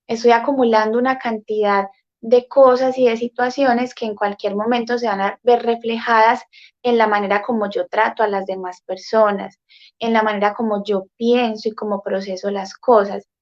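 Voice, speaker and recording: A woman speaking as a guest therapist in an interview, explaining calmly and thoughtfully with frequent "eh" fillers. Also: fairly high pitch, normal speed, muffled recording.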